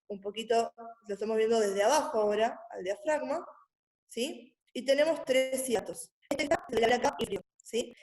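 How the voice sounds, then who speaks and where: A woman teaches anatomy over a video call, her voice pitched a little high. She explains step by step and keeps checking in with her students. The sound is roomy and echoey. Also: a little mellow. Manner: patient, checks in with a constant "¿sí?". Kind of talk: online anatomy lecture. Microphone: computer mic on a video call.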